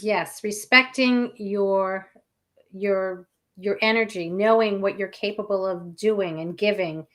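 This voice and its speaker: Female meditation facilitator co-hosting, medium-pitched voice, informal conversational delivery. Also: fairly even intonation, slow. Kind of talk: casual chat on a live show.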